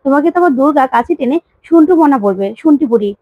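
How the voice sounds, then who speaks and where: Woman voicing calm advising young woman. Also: high-pitched, rapid-fire, no room sound, narrow, tinny audio.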